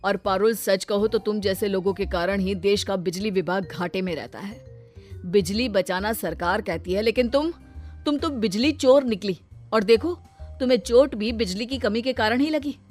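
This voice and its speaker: A woman's voice: medium pitch, moderate pace, darkish tone, faint music behind, lightly acted. A woman voicing a preachy young husband in a cartoon, lecturing earnestly.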